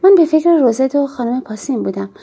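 A woman reading an audiobook in a calm, measured way. Her voice sits high but sounds mellow and soft rather than bright. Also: gravelly, slightly rough. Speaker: narrator. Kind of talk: audiobook narration.

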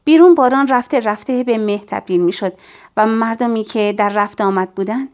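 A woman reads a novel aloud in the first person, her voice sitting a little higher than most. She narrates in a measured, steady way, letting the sentences unfold at an even pace. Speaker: audiobook narrator.

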